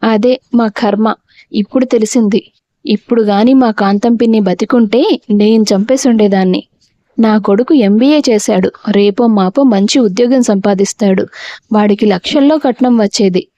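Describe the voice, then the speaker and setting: A woman's voice: medium pitch, moderate pace, mellow, no room sound, natural voice. A woman voicing a greedy, harsh middle-aged mother-in-law who scolds and insults, in an audio storybook. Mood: harsh scolding. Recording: dull, dry lo-fi recording.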